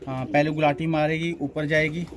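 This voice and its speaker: High-voiced man explaining his pigeons. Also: little pitch movement, moderate pace, a crowd in the background. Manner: patient, explains with examples. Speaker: pigeon keeper showing his loft. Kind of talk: casual explanatory chat.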